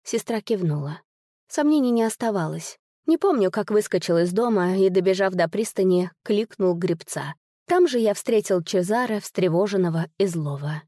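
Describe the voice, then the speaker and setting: A woman reading a literary story aloud in a measured, expressive audiobook narration. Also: mid-range voice, dry recording, clean studio sound.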